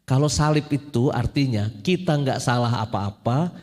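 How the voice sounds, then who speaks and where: A man's voice: medium pitch, animated, normal speed, darkish tone. A man preaching a casual, joking sermon as a priest, slipping in English phrases. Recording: long hall reverb.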